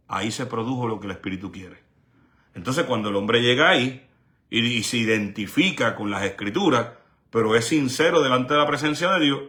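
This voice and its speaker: A man's voice: medium pitch, sharp tone. A male evangelist delivering a sermon with an emphatic, repetitive preaching cadence.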